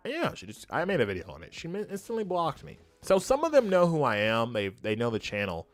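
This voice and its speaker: A man hosts a casual livestream with faint music in the recording. His pitch moves around a lot as he makes his points. He speaks emphatically and opinionatedly, often saying a phrase twice to drive it home. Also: huge pitch swings, fast. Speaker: YouTube host and streamer.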